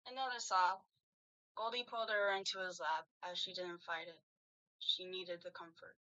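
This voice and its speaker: A woman host reading fanfiction aloud with lively narration. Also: lowish voice, normal speed. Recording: dull lo-fi recording.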